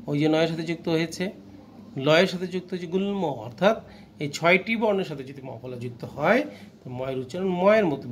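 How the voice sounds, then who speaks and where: A man's voice: fairly high pitch, slight background noise. A male teacher with a Bangladeshi Bengali accent, going through a grammar lesson, stressing rules and asking students questions. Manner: explains slowly, repeats rules, asks the class questions.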